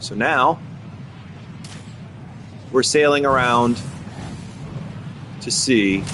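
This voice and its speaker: A man hosting a game livestream, explaining his server rules in a relaxed, chatty way. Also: medium pitch, extremely slow, noisy background. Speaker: game streamer and server host. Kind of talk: casual livestream commentary.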